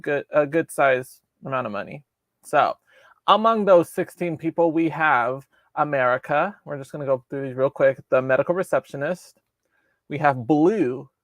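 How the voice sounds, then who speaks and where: A young man hosts a casual live-stream recap from his home mic, chatty and loose, full of fillers and restarts. His voice sits a little high for a man. The sound is dry and close with no room around it. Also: fairly bright tone, no room sound.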